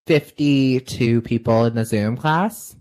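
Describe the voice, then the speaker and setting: A man's voice: medium pitch, takes it slowly, darkish tone. A man co-hosting a podcast, telling a story in a casual, rambling way full of fillers and restarts, over a remote call. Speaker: podcast co-host. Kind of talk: casual chat.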